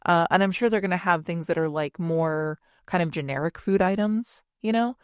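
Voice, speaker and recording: A woman's voice: fairly low pitch, moderate pace, clean tone, no room sound. Chatty woman co-host, dry sound. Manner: chatty, peppered with "like". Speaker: podcast co-host. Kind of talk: casual chat.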